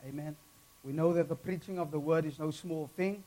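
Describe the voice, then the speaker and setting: A man with a Cape Flats South African accent preaching an earnest, deliberate sermon to a congregation. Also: a little high. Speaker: guest preacher.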